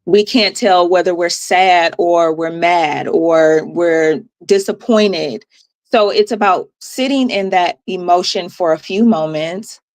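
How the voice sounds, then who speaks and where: A woman health coach as a podcast guest, explaining in a calm, measured way with pauses. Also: fairly low pitch. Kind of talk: podcast interview.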